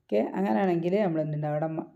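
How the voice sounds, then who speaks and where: A woman teaching recitation rules step by step. She asks her own questions, answers them, and slows down to chant the example words. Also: lowish voice, vocal fry, dark tone, dull audio.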